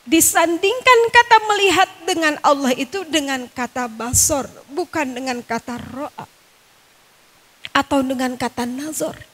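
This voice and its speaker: High-voiced Sundanese woman teaching slowly. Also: fairly bright tone. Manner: quizzes the women listening with questions; chants Arabic verses slowly. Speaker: Quran study teacher. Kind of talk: religious study lecture. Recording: long reverb, echoing hall.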